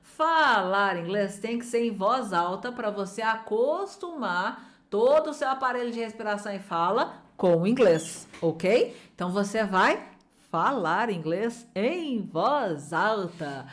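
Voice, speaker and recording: A woman's voice: mid-range voice, lively intonation, a little slow. A woman with a Brazilian Portuguese accent teaching an online English lesson, drilling phrases and coaxing viewers to repeat aloud.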